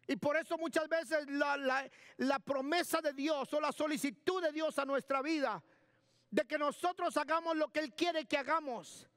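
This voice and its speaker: A man's voice: extremely high pitch, a bit bright, dry recording, studio quality. A man pastor delivering an emphatic sermon in church, repeating key words and giving instructions to the sound booth.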